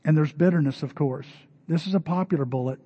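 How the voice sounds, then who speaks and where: A middle-aged man preaching a conversational sermon, his voice rising to loud emphatic peaks and dropping to soft, low asides. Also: fast, breathy edge. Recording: dull lo-fi sermon recording.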